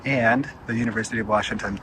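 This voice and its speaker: A man's voice: fairly low pitch, steady tone, fast talker. Man giving casual walking tour, noisy outdoors. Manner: enthusiastic, offhand, unsure of details. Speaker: visitor filming a walking campus tour. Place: outdoors walking, some indoor stretches. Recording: outdoor urban noise, traffic ambience.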